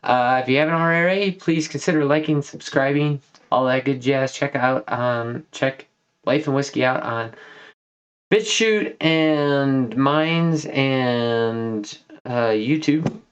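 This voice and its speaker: A man's voice: mid-range voice, slow, smooth. A man hosts a casual review vlog in a loose, folksy way, with plenty of fillers. He is a little tipsy and short of breath while getting over a cold. The recording sounds dull and lo-fi. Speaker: whiskey reviewer, channel host.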